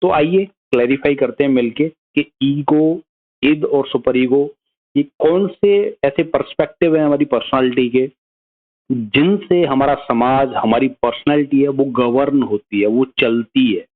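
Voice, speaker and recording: A man's voice: medium pitch, a little slow. A man explaining psychology in a casual video lesson, often checking in with his viewers. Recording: narrow phone-like sound.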